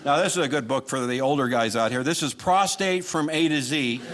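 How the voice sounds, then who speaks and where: Speaking a little fast in a mid-range voice, a male stand-up comic talks to his live audience with dry sarcasm. Laughter and crowd noise fill the background of this noisy show recording.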